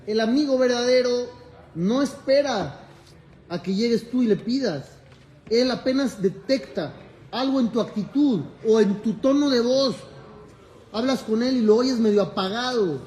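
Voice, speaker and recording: A man teaching as a rabbi in a lively class, telling a story, acting out its dialogue and joking with his listeners. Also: extremely high pitch, measured pace. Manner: animated, jokes with the audience, acts out dialogue. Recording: echoey room with audience.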